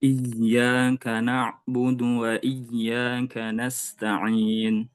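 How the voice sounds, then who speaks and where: A man's voice: medium pitch, completely flat delivery, clear, resonant tone, no echo. A man in an online recitation class, chanting the same verse again and again outdoors while his audio keeps breaking up over a weak connection. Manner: slow, repeated chanting of a single verse. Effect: online call audio breaking up from a weak signal. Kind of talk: practice Quran recitation over a video call. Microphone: video call.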